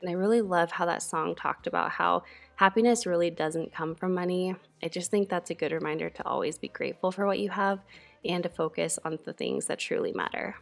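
Thirty-something mom vlogger, lowish gravelly voice, soft and sincere. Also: female voice. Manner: soft, earnest and personal. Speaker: cleaning vlogger. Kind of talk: reflective voice-over.

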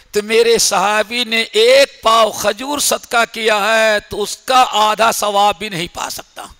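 A man preaching a sermon in a mosque, telling stories dramatically and swinging between whispers and shouts. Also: extremely high pitch. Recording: echoey hall reverb.

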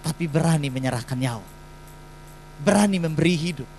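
A man's voice: on the high side, animated, brisk, vocal fry, darkish tone, slight background noise, rough recording. A man, preaching a sermon in a church and putting emphatic rhetorical questions to the congregation. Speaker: pastor.

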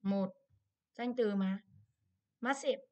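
A woman English teacher with a Vietnamese accent, going through an exam in a brisk review lesson and asking many checking questions. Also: medium pitch, warm tone.

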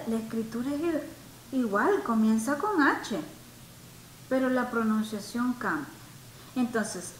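Slow, high-voiced woman teaching English. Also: roomy sound, a little hiss or hum, poor audio. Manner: patient, repeats words slowly for learners. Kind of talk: online class explanation.

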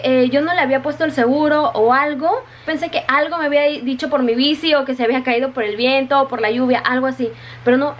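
Still wet from the rain, a woman vlogger chats casually from her home in Japan in a high-pitched voice, repeating words and frequently calling her viewers "chicas." There's slight background noise.

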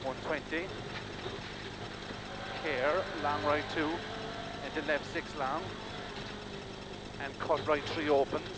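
A male rally co-driver reading rapid pace notes in terse, clipped calls of directions and numbers inside a moving car. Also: a little high, fairly even intonation. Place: inside a rally car at speed on country lanes. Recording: very loud car engine noise. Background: loud engine and vehicle noise.

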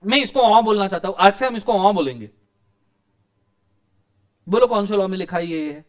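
A man with an Indian accent teaches a class in a lively, animated manner. His voice sits high for a man. He keeps asking his students whether things are clear and acts out quoted lines as he goes. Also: moderate pace.

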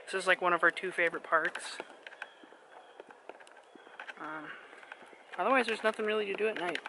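A man's voice: sits high, moderate pace. Young American man, noisy outdoor vlog. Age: early twenties. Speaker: vlogger. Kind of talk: casual vlog chat. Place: outdoors on wooded trail and open prairie. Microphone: camera at arm's length or slightly behind. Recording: noisy outdoor handheld camera audio.

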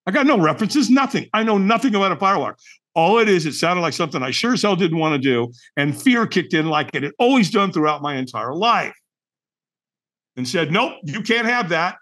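A man's voice: on the high side, sing-song, fairly quick, fairly bright tone. A middle-aged man, a podcast guest, telling a personal story in an emphatic, colorful and profane way, acting out his own thoughts.

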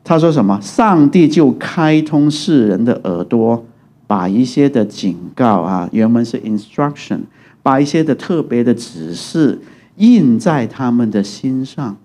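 Animated man preaching a sermon. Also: a little slow. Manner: animated, acts out quotes with rising pitch and loudness; conversational, keeps asking the congregation to agree. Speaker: pastor. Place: church sanctuary.

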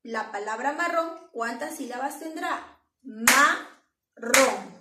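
Slow, high-voiced woman teacher. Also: roomy sound, recorded from a distance, heavy background noise. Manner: slow, clear classroom delivery with claps. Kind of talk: children's lesson.

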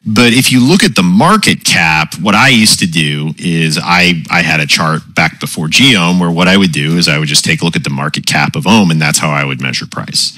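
Using a voice changer that drops his voice very deep, a man hosts a community call and chats casually, relaxed and explaining things while checking in with "right?" and "you know." He talks at a moderate pace with few pauses, and there's no room sound.

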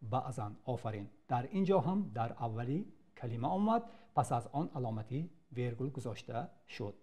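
Mellow-voiced Tajik male teacher. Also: mid-range voice, lively intonation. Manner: addresses students, praises answers. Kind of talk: classroom grammar lesson.

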